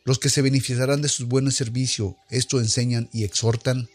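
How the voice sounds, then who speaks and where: Guy reading scripture slow and solemn, declaiming, bit of music in the back. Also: medium pitch, flat delivery, dry recording. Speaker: scripture reader.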